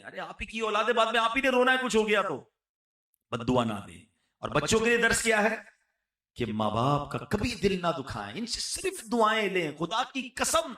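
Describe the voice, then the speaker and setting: A man delivers an earnest sermon, his voice high and bright. He swings between raised and hushed delivery. The sound is echoey and set back from the microphone. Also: recorded from a distance. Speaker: preacher. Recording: echoey room, voice off the mic.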